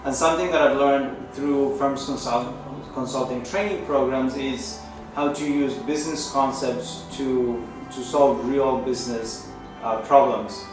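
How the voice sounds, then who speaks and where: Brief: man, 30s, from Chile, Spanish native, consultant testimonial; earnest, halting, many restarts; mic set back in a roomy, echoing space. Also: mid-range voice, steady tone. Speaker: management consultant. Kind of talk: testimonial interview. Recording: echoey room, distant mic, music underneath.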